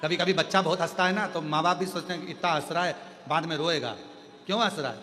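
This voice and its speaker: A man preaching a devotional story sermon at a large live gathering, animated and full of rhetorical questions. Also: a little high, fast. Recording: echoey hall with devotional music.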